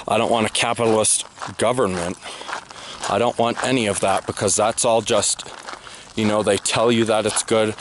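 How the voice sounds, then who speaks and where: A man's voice: lowish voice, noisy background. A young man vlogging outdoors on a walk, talking bluntly and insistently, repeating his points. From United States. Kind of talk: opinionated monologue on a walk. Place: outdoors under open sky. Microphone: handheld camera held low at arm's length.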